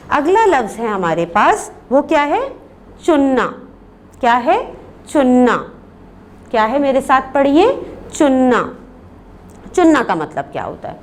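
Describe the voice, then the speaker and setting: A woman's voice: on the high side, slight background noise. Patient woman teaching young children. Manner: patient, repeats words for children to echo; asks questions and answers them herself. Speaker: primary school Urdu teacher. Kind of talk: recorded remote lesson.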